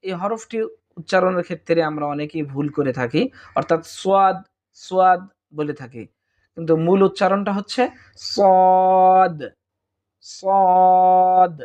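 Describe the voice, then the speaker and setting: A man's voice: a little high, fairly quick, darkish tone, highs cut off. A man with a Bangladeshi Bengali accent teaching Arabic letter pronunciation, drawing out each letter and repeating it for listeners to copy. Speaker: Quran teacher.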